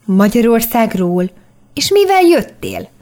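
A woman reading as a wide-eyed, excitable young boy, full of eager questions. The voice is lifted higher and quicker as the questions pour out, in the plain style of a storybook reading. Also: lightly acted. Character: curious, excitable young boy from long ago.

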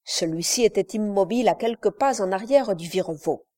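A woman narrating a classic novel aloud in a measured, literary reading style. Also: medium pitch, dark tone. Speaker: audiobook narrator. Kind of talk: scripted narration.

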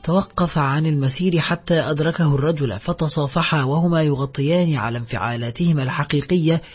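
Casting: male audiobook narrator, solemn and measured, slightly high voice, husky. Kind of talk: dramatic audiobook reading. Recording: dull lo-fi audio, faint music.

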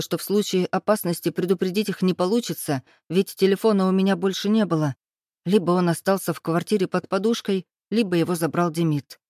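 A woman reading a first-person novel aloud in a steady, even storytelling manner. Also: lowish voice, dry recording, studio quality. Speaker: audiobook narrator. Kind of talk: first-person scripted narration.

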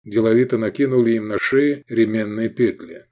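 A man narrating an adventure audiobook in an expressive reading voice. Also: on the low side, moderate pace. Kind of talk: scripted narration.

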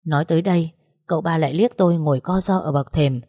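A woman narrating a dramatic first-person story in a steady storytelling voice. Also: low-pitched, quick pace.

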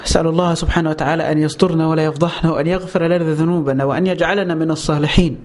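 High-voiced fast Egyptian preacher man. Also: steady tone, a little mellow, a little hiss or hum. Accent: Egyptian Arabic. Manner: rhetorical questions answered himself, impassioned. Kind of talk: Egyptian Arabic religious lesson.

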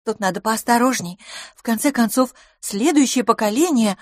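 A woman reading an audiobook, voicing a glamorous, bubbly young woman in a high, lilting, playful voice. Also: normal speed, no echo, studio quality, natural voice. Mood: coquettish.

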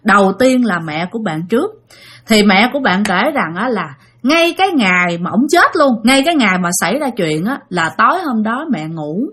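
Husky Southern Vietnamese woman telling ghost stories. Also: medium pitch, sing-song, normal speed, a bit bright. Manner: chatty, addresses listeners directly. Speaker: storyteller. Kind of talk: casual spoken ghost story.

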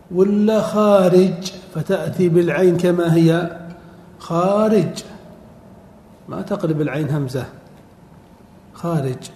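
A man teaching a classroom lecture, drawing out words slowly and quizzing his students. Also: fairly high pitch, warm tone. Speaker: teacher of Arabic morphology. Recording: echoey hall with faint noise.

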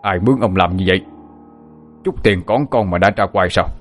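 A man voicing an enraged middle-aged father who shouts indignantly. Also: lowish voice, sing-song, moderate pace, soft background music.

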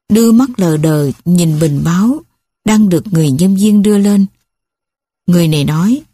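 Woman audiobook narrator, steady measured reading, husky, dark, dry sound. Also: on the low side, dry recording. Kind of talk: scripted narration.

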